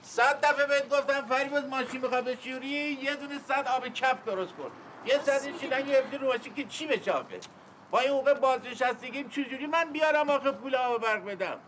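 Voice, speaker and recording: A man's voice: very high-pitched, fairly bright tone, slight background noise. A grumbling retired father. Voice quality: complaining, scolding. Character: grumbling retired father fretting over money. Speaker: retired office worker, father. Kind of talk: TV sitcom acting.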